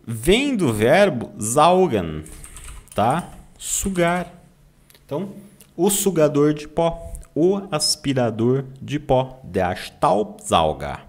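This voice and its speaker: A Brazilian man teaching German online, who draws out German words slowly to model the pronunciation and keeps asking "tá?" to check that students follow. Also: a little high, very animated, a little mellow. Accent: Brazilian Portuguese. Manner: slow, drawn-out demonstration of German words, frequent "tá?" check-ins. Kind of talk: online language lesson.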